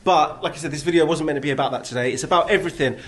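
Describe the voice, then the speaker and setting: A man's voice: a little high, very fast, fairly bright tone. A man from Bedfordshire with an English accent, hosting a casual vlog and chatting to camera. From Bedfordshire, England. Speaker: vlog host. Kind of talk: casual outdoor vlog chat.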